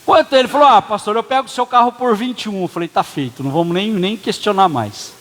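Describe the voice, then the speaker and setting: A man's voice: sits high, fast talker, fairly bright tone. A man preaching as a pastor, telling a personal story in a casual, conversational way and acting out the dialogue. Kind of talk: sermon storytelling. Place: church hall. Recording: long church reverb.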